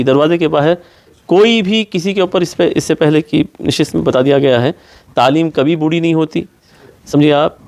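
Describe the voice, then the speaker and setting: Patient male recitation teacher, slightly high. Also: darkish tone. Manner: patient, repeats sounds to demonstrate. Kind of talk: classroom teaching on pronunciation. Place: classroom.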